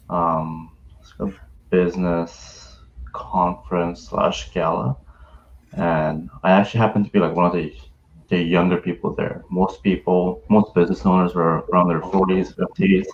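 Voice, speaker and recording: Speaking on a webinar panel by video call, a young Canadian man in his twenties, a university student, tells a casual story and hesitates often, full of fillers and restarts. He has a low voice with a steady tone and talks a little slowly. The audio sounds dull.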